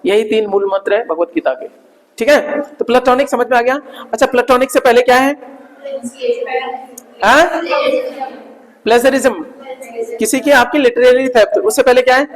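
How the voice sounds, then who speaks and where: A man's voice: extremely high pitch, normal speed, long pauses, a crowd in the background. A male teacher drills vocabulary in a classroom, quizzing students and repeating each word many times. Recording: reverberant classroom.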